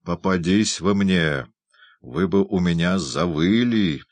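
A brutal, snarling burglar, as a male narrator gives him voice in a storybook reading, low and deep, growling his curses slowly. Dry, close sound. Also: no room sound, full character voice. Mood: savage. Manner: growling, cursing.

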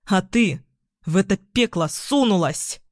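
A strained, weakened ex-husband, a grown man who lashes out and then begs, read by a woman in her own mid-pitched voice. The delivery is close and dry, with no room sound. It is storybook reading, not full character acting. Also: animated, unhurried, dry recording, close to an everyday voice. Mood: angry. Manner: shouting, then pleading.

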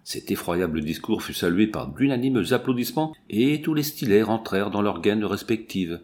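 Low-voiced male narrator, dramatic but measured novel reading. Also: animated, darkish tone. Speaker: audiobook reader. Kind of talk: scripted narration.

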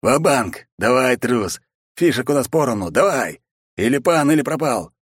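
A man voicing an arrogant, angry card player who shouts insults, in a storybook reading. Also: medium pitch, lively intonation, slow, husky, no room sound, clean studio sound, pitched above the performer's own voice. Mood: furious.

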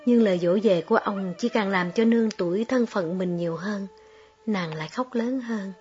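A woman reading a story aloud in calm, measured narration. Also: mid-range voice. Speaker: audiobook reader. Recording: slightly dull recording, soft music behind.

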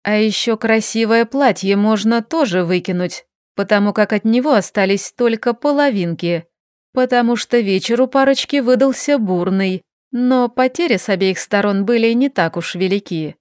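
A woman reading a romantic fantasy audiobook as narrator, in even, wry storytelling. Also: on the high side, moderate pace, no echo, clean studio sound. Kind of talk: scripted narration.

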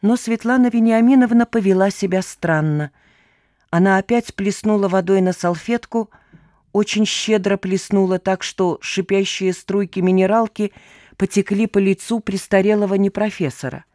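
A woman narrating an audiobook in an even, measured reading. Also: mid-range voice, no room sound, studio quality. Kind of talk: scripted narration.

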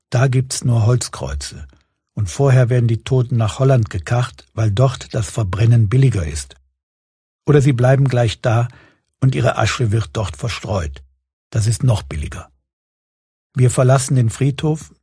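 A man reading his own first-person reportage in a sober, measured and wry manner. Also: medium pitch, mellow, husky, dry recording, clean studio sound. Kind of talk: scripted first-person narration.

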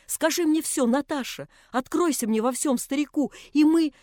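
A woman's voice: high voice, moderate pace, darkish tone, dry recording, studio quality, voice pushed up, close to an everyday voice. A woman reading the part of an old father who speaks tenderly and tearfully to his daughter.

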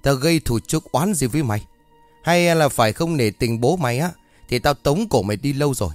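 A man's voice: mid-range voice, expressive, brisk, dry recording, faint music behind, close to an everyday voice. A man voicing a stern village elder in his seventies who scolds and commands in a ghost story. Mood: furious.

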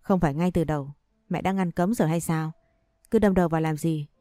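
A woman reading the lines of a sharp-tongued older mother who scolds her daughter bluntly, in an audio story. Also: low voice, a little fast, no room sound, studio quality, close to an everyday voice. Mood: scolding.

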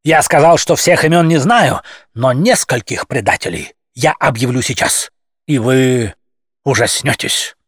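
A man voicing a fiery male cat orator who hurls short, sharp, accusing phrases at a crowd in an audiobook. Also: medium pitch, expressive, a little slow, slightly rough, no room sound, studio quality. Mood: conspiratorial. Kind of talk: audiobook character voice.

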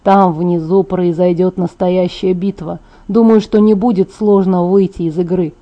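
A woman voicing a bitter, resolute young man in an audiobook, speaking low, slow and flat. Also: highs cut off, lightly acted. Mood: cold calm.

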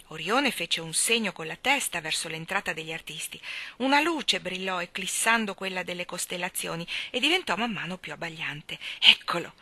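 A woman narrating a children's story aloud with a bright, crisp tone and a very lively, rising and falling delivery. She sits slightly low for a woman. The recording is close and dry. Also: dry recording. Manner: expressive, shifting between voices. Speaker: audiobook reader. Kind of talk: storybook reading.

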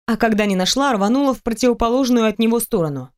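A woman reads first-person audiobook narration at a steady storytelling pace. Her voice is a touch higher than average. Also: fast.

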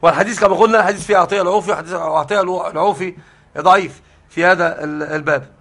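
Man, scholarly lesson, bright ringing voice, quick delivery. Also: high voice, steady tone. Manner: explains the text step by step. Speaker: Islamic scholar teaching. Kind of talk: scholarly lesson on Quran readings.

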